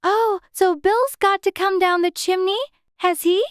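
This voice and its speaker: A man puts on Alice, a curious little girl in a storybook, her voice sitting very high and bright. She chatters and wonders aloud to herself, in a dry, close sound. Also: fairly even intonation, unhurried, dry recording. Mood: amused.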